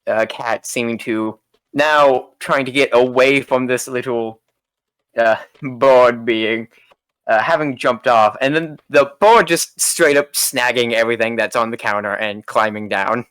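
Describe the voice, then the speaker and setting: A man's voice: mid-range voice, unhurried, fairly bright tone, smooth, no echo. Casual male game master, dry sound. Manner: casual, with frequent fillers. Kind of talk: narrating a tabletop game.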